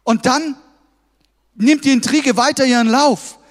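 A man's voice: very high-pitched, fairly even intonation, unhurried. A man preaching a sermon to his congregation, emphatic and exhorting, often calling out "hey" to stir them. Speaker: pastor. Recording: long hall reverb.

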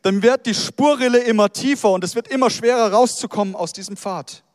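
High-voiced man preaching in a hall. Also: fairly quick, studio quality. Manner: animated preaching with acted-out inner voices. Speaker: pastor. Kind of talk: sermon.

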